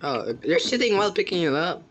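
A man's voice: a little high, very animated, a little fast, a crowd in the background. A young man chatting casually while playing a video game with a friend, often puzzled and exclaiming at what he sees. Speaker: gamer. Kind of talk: casual gameplay chat. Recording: faint background noise.

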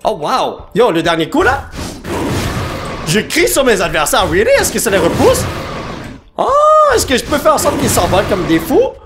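A man narrates his gameplay in a high, bouncing voice that swings wildly up and down. He is excitable, breaking into shouts and English slang. Faint game music plays underneath. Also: moderate pace. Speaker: gaming YouTuber. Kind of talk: live gameplay commentary.

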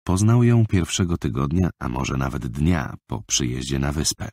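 A man narrating an audiobook with an expressive, lively reading, close on a studio mic. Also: very deep voice, moderate pace, dry recording.

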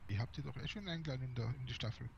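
Talking very fast in a mid-range voice, a male game streamer trades jokes and teasing in laid-back online gaming chat. The voice chat sounds muffled, and background noise comes through clearly.

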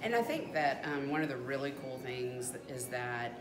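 A woman's voice: very deep voice, expressive, normal speed, reverberant, background noise. A middle-aged woman chatting reflectively as an interviewed mother. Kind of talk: reflective casual chat. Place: small lamp-lit room.

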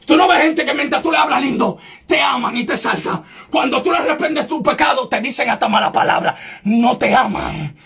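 Evangelist, male, very high gravelly shout, confrontational fire-and-brimstone delivery. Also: animated, normal speed. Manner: shouting, insistent and confrontational, bursts into tongues. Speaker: evangelist preacher. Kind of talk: fiery shouted sermon.

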